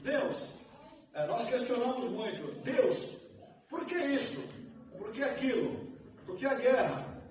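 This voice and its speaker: A man preaching a sermon as pastor, emotional and rising to shouts, asking the congregation questions. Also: very high-pitched, big pitch swings, slow pace, long pauses. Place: church sanctuary. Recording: very echoey room, mic far off, faint hiss.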